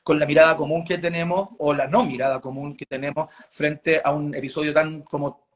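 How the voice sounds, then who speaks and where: A man's voice: fairly high pitch, fairly even intonation, brisk. A man hosting an interview, asking long, winding questions in a conversational tone. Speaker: interviewer host.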